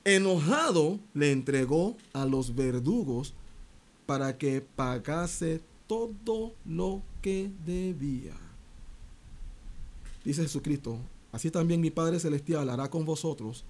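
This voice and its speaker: A man's voice: on the high side, slow pace. A man preaching a sermon, retelling a parable and asking the listener direct questions. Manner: animated, expressive preaching, retelling a parable with quoted voices.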